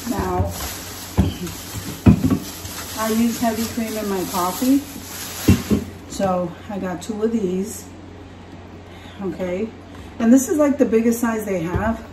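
A woman's voice: mid-range voice, slow, pauses often, noisy background. Chatty woman in an echoey kitchen. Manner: chatty, relaxed, self-correcting. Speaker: vlogger. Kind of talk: casual grocery haul chat. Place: home kitchen, indoors. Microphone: camera across the counter. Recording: echoey kitchen, camera from far off.

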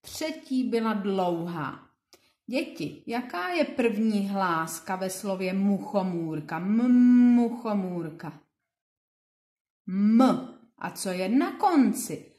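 A woman teacher talking to small children, reciting rhyming riddles in a sing-song lilt and slowly clapping out syllables. Her voice sits at an ordinary pitch and sounds echoey, as if recorded in a bare room. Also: lively intonation, a little mellow. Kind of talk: lesson for young children.

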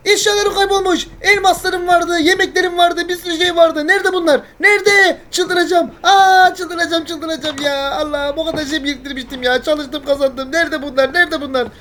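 A gaming host with a strikingly high voice, rattling through his commentary at a brisk clip. He talks to his viewers as friends and hams up the role-play around the game. A faint hum of background noise sits under his voice. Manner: chatty, addresses viewers as friends, mock-dramatic. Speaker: gaming YouTuber. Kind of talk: playful role-play commentary over gameplay.

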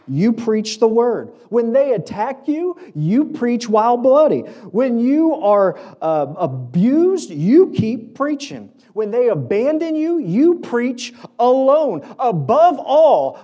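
Standing at the lectern on an auditorium stage indoors, a middle-aged American man delivers a sermon as pastor in a high-sitting, mellow voice. He preaches emphatically into the microphone, stacking short phrases through repetition.

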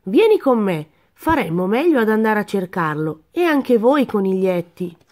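A brisk, helpful tiger voiced by a woman. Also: medium pitch, sing-song, darkish tone, natural voice. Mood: decisive. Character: helpful, take-charge tiger.

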